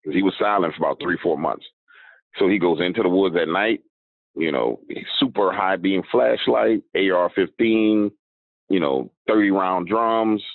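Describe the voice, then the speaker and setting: A man, a podcast guest, telling a long story in a relaxed, conversational way, often checking in with "right?". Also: low voice, no echo. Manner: unhurried storyteller, leaning on "right?" and "um". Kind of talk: casual storytelling. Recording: dry tinny phone-like line.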